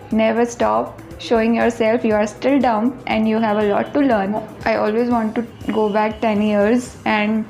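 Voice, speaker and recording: A woman's voice: fairly high pitch, vocal fry, a little mellow. A woman, chatting casually in a birthday Q&A vlog and mixing Hindi with English, self-deprecating and talkative. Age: 20s. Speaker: YouTuber answering viewer questions.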